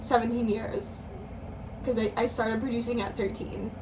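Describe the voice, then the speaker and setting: Woman in her 20s musing slow in a vlog, kinda high voice, hesitant restarts, mic a bit far off, faint hiss. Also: fairly even intonation. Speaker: musician vlogger. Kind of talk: reflective personal vlog. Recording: slightly distant mic, faint background noise.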